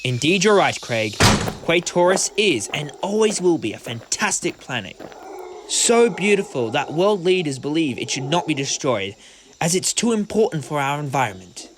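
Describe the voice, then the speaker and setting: An eccentric time traveller acted by a man talks with theatrical confidence. His voice is fairly high and swings animatedly, chatty in audio drama style, with clear background noise. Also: sing-song, normal speed. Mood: assured. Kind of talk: fan audio drama acting. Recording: loud background noise and ambience.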